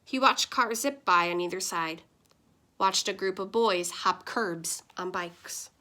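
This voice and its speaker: A woman teacher reading a children's picture book aloud with expressive, lively storytelling. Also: lowish voice, takes it slowly.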